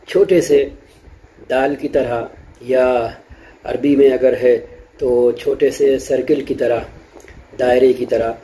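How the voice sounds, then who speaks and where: A man's voice: mid-range voice, warm tone, low-quality recording. Patient man drilling Arabic letter sounds. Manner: patient, repeats each point with synonyms and drills syllables. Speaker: Quran recitation teacher. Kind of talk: explanatory lesson. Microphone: close mic, shows lip shapes to camera.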